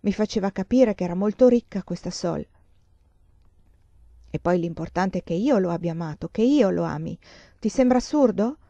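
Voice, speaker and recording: A woman's voice: medium pitch, lively intonation, moderate pace, mellow, no echo. A woman reader voicing a heartbroken, jilted young woman who speaks in a pleading, broken voice. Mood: brooding. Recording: slightly dull lo-fi recording.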